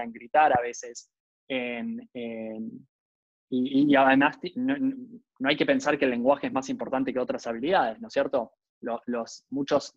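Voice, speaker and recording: A man's voice: medium pitch, slightly rough, no echo, highs cut off. A man with an Argentine accent giving an informal university lecture, talking conversationally and often checking in with his students. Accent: Rioplatense Argentine Spanish.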